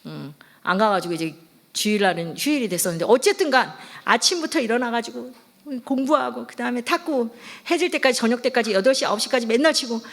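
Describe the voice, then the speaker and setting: A middle-aged woman preaches in a church service, telling a long personal story. Her voice sits a little high, and she keeps it lively, slipping into the voices of the people she quotes. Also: quick pace, vocal fry. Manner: lively, acts out quoted voices, laughs often. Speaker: pastor's wife preaching.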